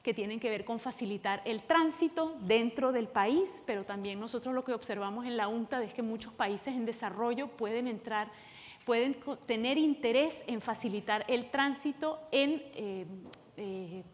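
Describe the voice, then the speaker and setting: Venezuelan-born woman presenting in a hall. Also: a little high. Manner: explanatory, hurried, many fillers. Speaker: conference panelist. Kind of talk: conference presentation. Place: large conference hall.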